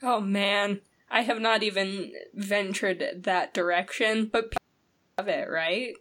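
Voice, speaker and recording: A woman co-hosting a podcast in casual chat, rambling and animated with lots of fillers. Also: mid-range voice, a little slow. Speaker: podcast co-host.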